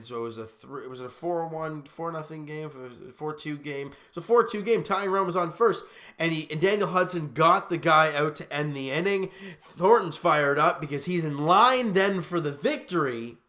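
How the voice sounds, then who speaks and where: High bright-voiced guy doing a casual ball game recap podcast, excited, rambly. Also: normal speed. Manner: excitable, rambling, self-correcting. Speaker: sports podcast host.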